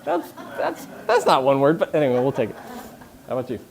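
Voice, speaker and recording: A man's voice: mid-range voice, huge pitch swings, a little fast, creaky, a little mellow. A man speaking to a live conference audience about leadership, casual and joking, with frequent restarts and questions to the room. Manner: conversational, jokey, many restarts, asks the audience questions.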